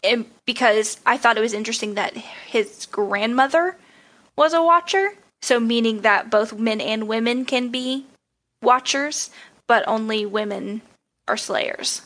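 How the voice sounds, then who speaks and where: A woman co-hosting a podcast, chatting casually about a TV show with quick asides and frequent laughs. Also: fairly high pitch, fairly bright tone. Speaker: podcast co-host.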